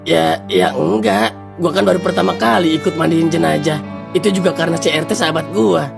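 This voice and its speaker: A woman voicing a hot-tempered middle-aged village man, blunt and quick to scold, in a school cartoon. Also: low-pitched, vocal fry. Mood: defensive. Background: background music.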